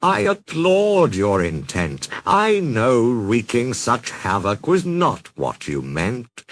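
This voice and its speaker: Man reading as slow, kindly Santa Claus. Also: mid-range voice, no echo.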